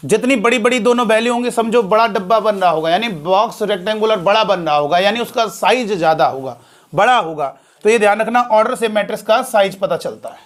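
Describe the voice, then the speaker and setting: A man delivers a classroom maths lecture in a fairly high voice. He repeats each rule several times and talks to his students warmly, calling them "beta". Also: lively intonation, a little fast. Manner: repeats key points, addresses students as beta; tells student anecdotes, acting out dialogue. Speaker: maths teacher.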